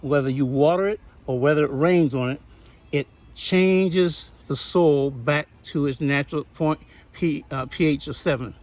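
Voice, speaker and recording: A man's voice: a little high, a little slow, a little mellow. A man giving a folksy, chatty tour of his backyard garden, laughing now and then. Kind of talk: casual garden walkthrough.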